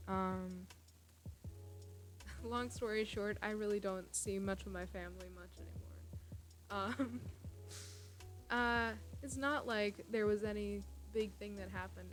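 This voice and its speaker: A young woman chatting casually on a livestream from her room, giggling and trailing off into tangents with lots of fillers. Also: medium pitch. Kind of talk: casual rambling storytelling. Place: at home, own room. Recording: livestream with background music. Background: music playing.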